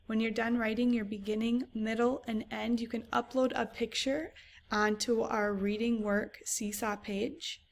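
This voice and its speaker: A woman teacher giving a recorded reading lesson for children, patient and clear, asking many guiding questions. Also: on the high side.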